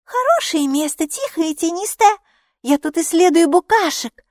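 A high, eager little girl. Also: animated, moderate pace, a little mellow, no room sound, studio quality. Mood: sly polite. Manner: high, breathy, eager exclamations. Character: excitable six-year-old girl, sly and plucky.

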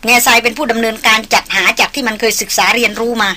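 A stern veteran hunter who leads a jungle expedition, read by a woman. He speaks politely but firmly, with a bright, slightly high voice. This is audiobook narration of an adventure novel. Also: rapid-fire. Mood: calm firm.

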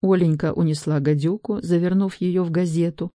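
Dark-voiced woman reading a story aloud. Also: on the low side, moderate pace, dry recording, studio quality. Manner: lively, ironic storytelling. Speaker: narrator. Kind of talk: first-person audiobook reading.

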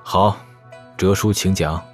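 An actor playing a calm, dry young swordsman in an audio drama, speaking politely and matter-of-factly. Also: low voice, takes it slowly, faint music behind. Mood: calm, curious. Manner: restrained, matter-of-fact, polite. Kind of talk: audio drama character acting.

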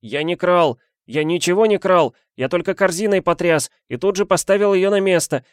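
A man's voice: on the high side, a little fast, no room sound, clean studio sound, pitched above the performer's own voice, lightly acted. A man voicing a panicky young male fugitive who pleads and wails his innocence in a rush of words. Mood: frantic. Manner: frantic, wailing, words tumbling out.

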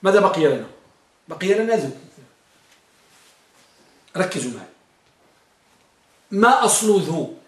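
In an echoey room, a man with a high, sing-song voice teaches an Arabic grammar lesson at a measured pace, leaving long pauses. He drills his students with questions and draws out words to drive each point home.

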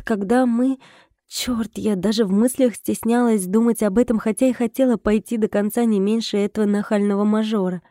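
A woman reads a romance audiobook in the first person, steady and measured. Her voice is mellow and warm. The recording is dry and close. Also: fairly high pitch, dry recording. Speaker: audiobook narrator.

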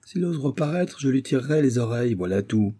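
A man reading aloud as an eager young embassy attaché, brisk and lively. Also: mid-range voice, natural voice.

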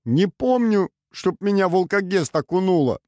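A man's voice: high-pitched, expressive, moderate pace, darkish tone, dry recording, studio quality, pitched above the performer's own voice. A man voicing a flustered, bewildered young male alchemist in an audiobook. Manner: bewildered, indignant.

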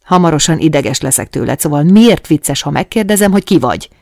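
A woman voicing a grumbling, short-tempered grown man in an audiobook, speaking loudly and snappishly. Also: low-pitched, expressive, vocal fry, no echo, studio quality. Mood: angry. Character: gruff grown man fixing a plane, irritable. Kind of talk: audiobook character voice.

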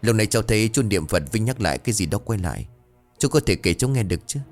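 A man's voice: on the low side, animated, rapid-fire, soft background music. A man voicing a curious young adult nephew who asks questions in an earnest, pleading way.

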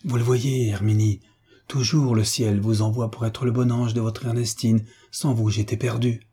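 Frightened young woman, anxious and pleading, man doing her in a husky raised voice, dark tone. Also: mid-range voice, normal speed, close to an everyday voice. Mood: relieved.

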